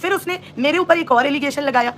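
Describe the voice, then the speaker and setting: A woman's voice: high voice, quick pace, a bit bright, slight background noise. A woman vlogger doing gossip commentary on a livestream, scolding and sarcastically taunting a rival directly. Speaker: live-stream vlogger. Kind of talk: live-stream gossip commentary.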